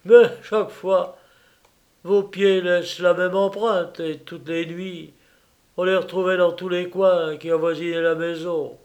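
A man voicing an older, furious, blustering millionaire who shouts threats and insults in a storybook reading. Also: high-pitched, flat delivery, a little slow, pitched above the performer's own voice.

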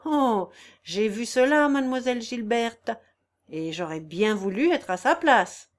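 A woman reading aloud plays a tipsy young clerk who pushes his company on people, overfamiliar and wheedling. The voice sits rather high and swings freely in pitch. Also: animated, a little slow. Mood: pushy.

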